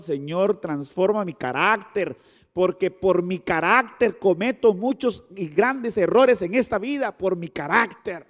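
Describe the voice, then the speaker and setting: A male pastor delivering a sermon in a high, bright voice. He is animated and acts out the people in his stories, stretching out the words he wants to land. His voice rings with a long reverb from a church hall. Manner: animated, acts out quoted voices and slows for emphasis.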